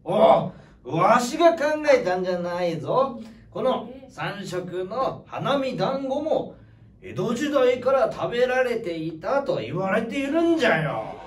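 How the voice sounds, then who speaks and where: A woman's voice: medium pitch, big pitch swings, measured pace. A woman voicing a cheerful old grandpa who talks in a folksy old-man way and chuckles as he explains things to children. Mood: explaining. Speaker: co-presenter character. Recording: echoey, from far off, faint noise.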